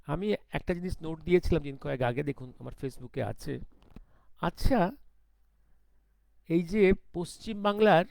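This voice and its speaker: A man giving a commentary monologue, talking slowly because of a sore throat, firing off pointed rhetorical questions. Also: on the high side, expressive, vocal fry, darkish tone. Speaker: political commentator.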